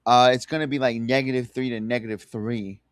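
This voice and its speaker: A man's voice: mid-range voice, fairly even intonation, fairly quick. A man with a Southern US accent and drawl, chatting casually as he hosts a sports prediction livestream.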